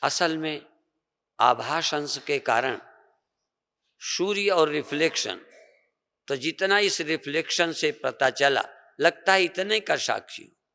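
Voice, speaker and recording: An older Indian man, a spiritual teacher, slowly guiding a group through meditation and breathing with soft repeated coaching. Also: fairly high pitch, animated. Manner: slow, repetitive soft coaching with pauses. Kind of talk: guided meditation and breathing instruction. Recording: long reverb of a hall.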